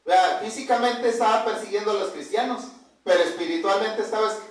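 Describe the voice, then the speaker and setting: A man's voice: high voice, fairly quick. A man preaching a Bible lesson, asking his listeners questions and having them fill in the words. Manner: addresses listeners as brothers and by name. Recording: very echoey room, voice from far off.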